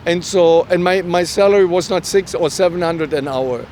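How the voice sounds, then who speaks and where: This middle-aged native German speaker, with a German accent and a slightly high, darkish voice, is a guest in a conversational interview, sharing personal stories. His delivery is earnest and halting, and he often quotes himself, acting out snatches of dialogue. He's recorded outdoors on a street, with traffic rumbling faintly in the background.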